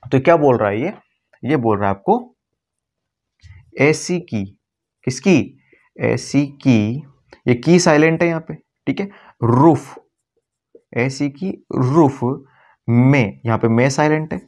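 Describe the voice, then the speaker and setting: A man teaching chemistry at a board, often slowing down to repeat key words and calling his students "beta". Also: mid-range voice, expressive, a little mellow. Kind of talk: classroom lecture at a board.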